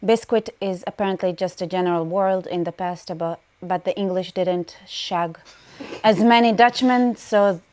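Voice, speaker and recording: Israeli lady hosting a live stream, lowish voice, chatty, laughs a lot. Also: little pitch movement, moderate pace, few pauses, warm tone. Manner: chatty, laughs often, reads viewer comments aloud. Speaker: livestream host. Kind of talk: casual livestream chat.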